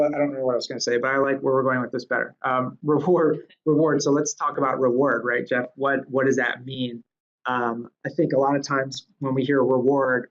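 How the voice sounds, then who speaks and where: A man at an everyday mid pitch, talking through ideas in a casual discussion. He thinks aloud with plenty of fillers and restarts. The audio is a little dull and lo-fi. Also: fairly bright tone. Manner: thoughtful, with frequent fillers and restarts. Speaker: guest speaker on DevOps. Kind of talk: conversational discussion.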